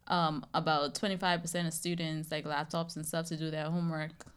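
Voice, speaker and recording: A Bahamian woman in her twenties chats casually as a podcast guest, sharing her own experience. Her voice is deep and clean, with little pitch movement, and she talks fairly quickly.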